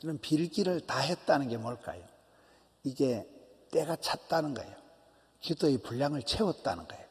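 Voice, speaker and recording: A man's voice: mid-range voice, moderate pace. A man in his sixties with a Gyeongsang accent, a pastor giving an early-morning sermon in punchy repeated phrases that sometimes drop to a whisper. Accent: Gyeongsang Korean. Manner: animated, emphatic preaching with short repeated phrases and drops to a whisper. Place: church sanctuary. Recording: church hall reverb.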